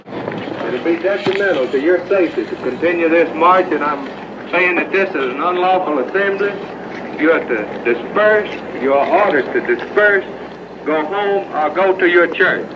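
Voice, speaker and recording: A man commands a crowd through a bullhorn loudspeaker, his voice stern, slow and a little higher than usual. He is heard from a distance on a muffled, dull-sounding archival recording. Loud outdoor noise sits under his voice. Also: lively intonation. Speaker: police commander ordering a crowd to disperse. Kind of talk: archival crowd-control announcement.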